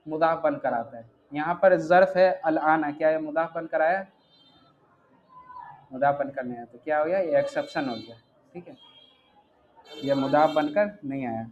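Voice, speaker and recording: Slightly high-voiced man teaching grammar. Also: moderate pace, long pauses. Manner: asks the class questions, repeats "ठीक है". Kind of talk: explaining grammar in class. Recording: dull lo-fi sound, faint noise.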